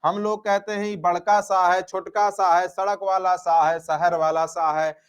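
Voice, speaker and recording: At a measured pace and with little pitch movement, a man with a high, clean-toned voice teaches Hindi grammar from exam questions. Each answer gets repeated, he asks "क्या?" and then answers himself, and his students get affectionate nicknames.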